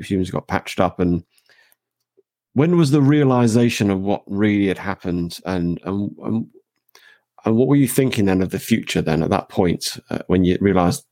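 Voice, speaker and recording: A man's voice: low voice, a little mellow, dry recording. A male interviewer asking careful, sympathetic questions in a conversation.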